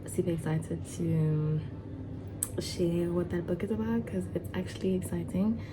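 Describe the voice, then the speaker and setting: A woman in her twenties talking casually to camera as a vlogger, chatty and excited, with many fillers and restarts. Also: lowish voice, measured pace, noisy background. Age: 20s. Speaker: vlogger and foundation founder.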